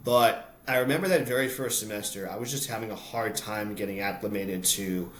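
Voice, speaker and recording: Speaking a little fast in a fairly low voice, an American interview guest tells personal stories in a conversational way. He is an announcer and voice-over artist, recorded with a roomy echo and noticeable background noise.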